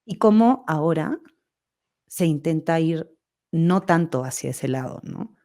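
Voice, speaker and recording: A young woman with a somewhat low voice, chatting casually on a podcast. She thinks aloud as she goes, repeating herself and checking in with her partner. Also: lively intonation, measured pace, dark tone. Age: young adult. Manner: hesitant, searching for words, frequent tag questions. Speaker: podcast co-host, art teacher. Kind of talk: casual conversation.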